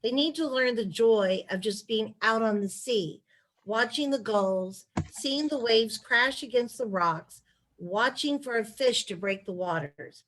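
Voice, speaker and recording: Woman author, slightly high voice, measured letter reading, video call audio. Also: a bit bright. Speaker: author and former chief of staff. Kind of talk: reading letters aloud in an interview.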